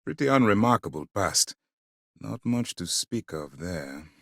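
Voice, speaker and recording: Deep-voiced, stern military commander Kibwe Ikande. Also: male voice, sing-song, a little slow, vocal fry, a bit bright, dry recording, clean studio sound, exaggerated voice. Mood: measured, resolute. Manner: formal, authoritative, clipped commands. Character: stern, principled male military commander of a space fleet. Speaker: voice actor. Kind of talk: scripted video game character dialogue.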